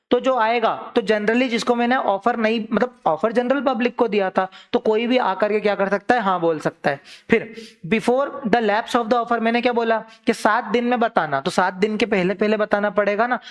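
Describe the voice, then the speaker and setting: A young male teacher with a high voice runs a quick law revision in a chatty classroom way. He speaks straight to his students with everyday examples and drops to a slow, careful pace whenever he reads a legal term. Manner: slows down to read English legal terms.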